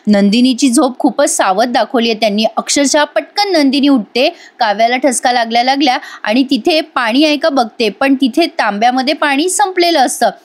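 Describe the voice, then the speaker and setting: High-voiced emotive woman reviewer. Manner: emotive, addresses viewers directly. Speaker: TV serial reviewer. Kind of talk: voice-over episode review.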